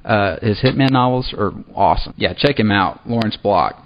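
A man hosting a casual interview, relaxed and hesitant, often restarting his sentences. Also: lowish voice, moderate pace. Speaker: interview host. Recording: muffled lo-fi audio with faint noise.

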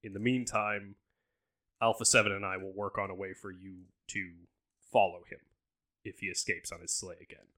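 A giant floating-head mentor with a Southern drawl, as a man plays him, firm and scolding in a low voice. His tone is forceful and bright-edged, like someone patiently laying down the law. He has little tolerance for nonsense. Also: level tone, normal speed. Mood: calm. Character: exasperated wise male mentor, floating head.

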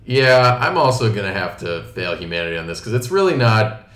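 A man with a somewhat low voice hosts a relaxed podcast chat. He stumbles and restarts often as he sets up topics. The room adds a noticeable echo. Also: a little fast. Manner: hesitant, many restarts and fillers. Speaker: podcast co-host. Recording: roomy echo.

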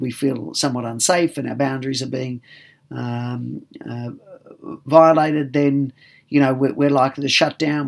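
A man talking as a workplace consultant, giving advice calmly and slowly, with many filler sounds and restarts. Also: medium pitch, creaky. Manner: frequent restarts and repeated words. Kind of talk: advice talk.

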